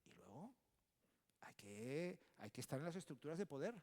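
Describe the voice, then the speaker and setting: This book author from Spain talks on a conference panel with a fairly high, sing-song voice at normal speed, slightly mellow in tone. He's emphatic, runs through his points as a list, and keeps adding tag questions in this conversational talk. Long hall reverb fills the recording.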